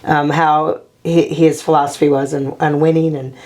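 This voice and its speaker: A woman, a former player and coach, telling stories in a casual interview. She is animated, often laughing and acting out quotes. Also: sits low, normal speed.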